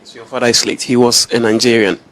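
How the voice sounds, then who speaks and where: A man's voice: medium pitch, little pitch movement, quick pace, a bit bright. Man pressing a suspect with pointed questions. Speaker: news reporter questioning a suspect. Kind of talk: confrontational news interview.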